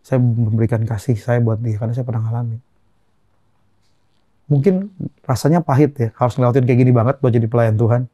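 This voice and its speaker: A young man from Indonesia speaks quickly in a dark, mellow voice. He tells a personal testimony earnestly, halting and repeating phrases. The sound is dry and close, with little room. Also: mid-range voice, no echo. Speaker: guest.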